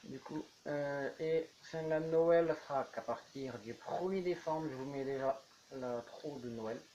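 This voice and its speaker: Man YouTuber, mid-pitched, rambling game commentary, lo-fi home mic with a faint hum. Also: unhurried, warm tone. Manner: rambling, talking while building in a game. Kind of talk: casual gameplay commentary.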